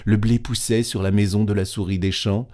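A man narrating a children's audiobook in a calm, measured storytelling manner. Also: on the low side.

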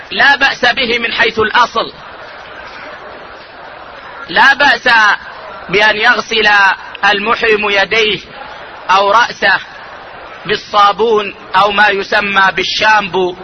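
A man who is an Islamic scholar, giving a religious lesson on jurisprudence in a measured, deliberate way and slowing down to stress key points. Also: sits high, steady tone, pushed and bright, highs cut off, a little hiss or hum.

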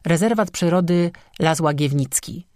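A man's voice: fairly high pitch, moderate pace, dry recording, lightly acted. A narrator voicing Fern, a grumpy, sarcastic young man who snaps at the creatures around him, in a dry recording. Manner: irritable, snapping.

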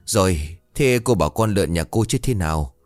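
A man voicing a middle-aged village chief who questions in a flat, bureaucratic way. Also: low-pitched, normal speed, no room sound. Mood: matter-of-fact. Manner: bureaucratic, matter-of-fact questioning.

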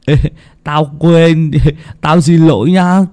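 A man voicing a chubby, loud, teasing village boy, shouting and joking. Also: on the high side, fairly even intonation, takes it slowly, clean tone, pitched above the performer's own voice. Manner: shouty, cheeky, laughing.

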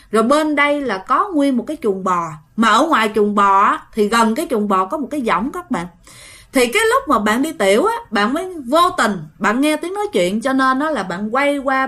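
A woman tells a ghost story as if chatting with friends, speaking to her listeners directly. Her voice sits high and swings widely up and down as she narrates. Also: fairly bright tone. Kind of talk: casual ghost story telling.

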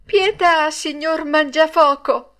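A woman voicing a brave wooden puppet boy in a storybook reading, pleading in a high tearful voice. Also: fairly even intonation, slow pace, a bit bright.

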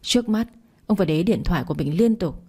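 A level-headed man calmly working through the case in a told story, as a woman reads him. the tone is low and mellow, measured and even. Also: slightly rough. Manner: measured, reasoning. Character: calm, shrewd male friend.

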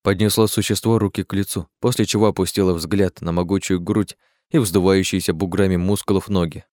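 A man giving scripted audiobook narration in a measured, expressive way. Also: sits low, dry recording, studio quality.

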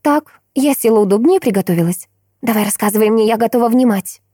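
A woman voicing an excitable, chatty teenage girl who squeals and fires off questions. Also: fairly high pitch, husky, dry recording, clean studio sound, voice pushed up. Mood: playful. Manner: squealing, rapid-fire questions. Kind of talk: audiobook character voice.

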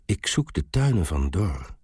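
A man plays a shy young girl in a storybook tale, speaking softly and timidly, raised above his own deep voice. The tone stays breathy. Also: sing-song, a little slow, no echo, studio quality, heavily acted. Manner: soft, timid.

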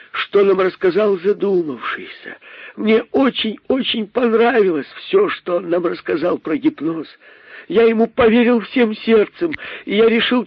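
A man voicing a frightened male rabbit who begs and repents, in a radio story reading. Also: no echo. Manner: high-pitched, begging. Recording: dull, dry radio recording.

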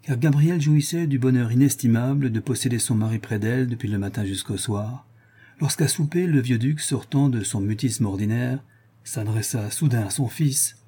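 A man narrating a classic novel as an audiobook, in a measured reading style. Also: mid-range voice, warm tone, husky.

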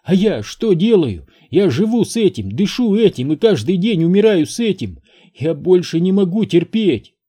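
A man's voice: high voice, very animated, moderate pace, mellow, slightly rough, voice pushed up, full character voice. A man doing a sobbing, terrified wife. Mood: desperate sobbing. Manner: desperate, pleading. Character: terrified young wife, woman, tearful. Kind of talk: audiobook reading.

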